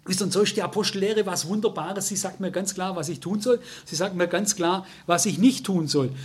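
A man's voice: high-pitched, a little fast, breathy edge. An older man with a Swabian accent preaching a sermon, talking emotionally and turning to his listeners again and again. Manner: emotional, addresses listeners directly, repeats "you know".

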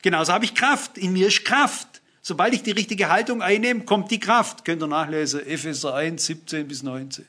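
Man, sermon, husky voice, earnest, quotes scripture. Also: high-pitched, moderate pace, hardly any pauses, pushed and bright. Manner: earnest, addresses listeners with "wisst ihr", cites Bible verses. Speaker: preacher.

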